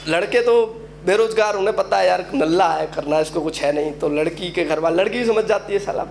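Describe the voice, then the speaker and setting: A young man doing a stand-up comedy set, telling stories with a UP Hindi accent and acting out characters in quick asides. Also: high voice, vocal fry, a little mellow, a little hiss or hum. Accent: Uttar Pradesh Hindi. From Uttar Pradesh, India.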